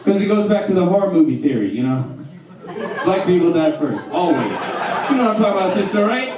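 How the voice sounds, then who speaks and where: A man's voice: sits high, big pitch swings, fast. A man in his thirties doing a loose, rambling stand-up comedy set, laughing between his jokes. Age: 30s. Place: small theater stage with audience. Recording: echoey room from far off, crowd noise.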